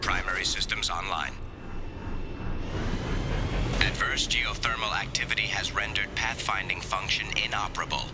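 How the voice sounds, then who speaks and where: A man voicing a video game vehicle's onboard computer as it boots up, giving flat, clipped status announcements. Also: on the low side, moderate pace, pauses often. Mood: announcing. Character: calm male vehicle computer voice. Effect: robotic computer voice booting up. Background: loud game music.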